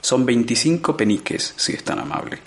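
A man voicing a polite, wary middle-aged barman who speaks quietly and deferentially in an audiobook. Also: medium pitch, animated, moderate pace, vocal fry.

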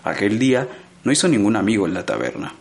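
A man narrating an audiobook in a measured, expressive storytelling manner. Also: fairly low pitch, gravelly, background noise. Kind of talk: scripted narration.

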